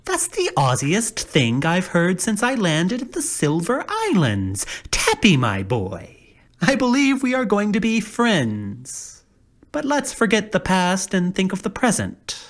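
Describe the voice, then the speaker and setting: Woman doing a whimsical storybook scarecrow, playful, whispery asides, husky, very lively pitch. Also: slow, heavily acted. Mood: jolly. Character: cheerful whimsical male scarecrow made of straw. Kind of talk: dramatized audiobook reading.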